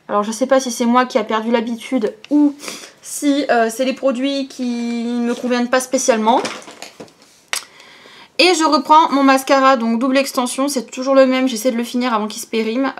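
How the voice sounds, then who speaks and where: A young woman talking casually through her makeup routine, explaining each step with fillers and little "hop" sounds. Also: fairly high pitch. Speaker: beauty vlogger. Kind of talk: casual get-ready-with-me makeup tutorial.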